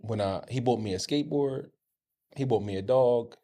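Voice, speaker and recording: A man's voice: mid-range voice, normal speed, mellow. Candid, profane man on a podcast. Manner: candid, profane storytelling with stammered restarts. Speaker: co-host. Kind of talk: casual podcast chat.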